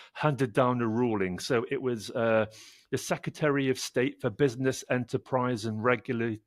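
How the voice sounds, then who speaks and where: A man, a podcast guest, telling anecdotes in a casual, wry way and acting out bits of dialogue. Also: medium pitch. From United Kingdom. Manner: wry anecdotal storytelling with acted-out asides. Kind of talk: casual chat.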